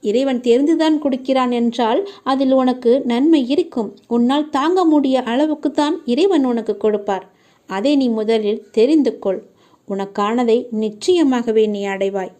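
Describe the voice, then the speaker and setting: Warm, gentle woman giving devotional counsel. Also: a little high, moderate pace. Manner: gentle, reassuring, addresses the listener directly. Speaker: devotional message reader. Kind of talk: devotional address spoken as a deity's message.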